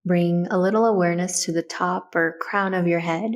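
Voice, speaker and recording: In a steady tone and at normal speed, a slightly low-voiced woman leads a guided meditation. She gently walks her listeners through every step with soft, calming directions.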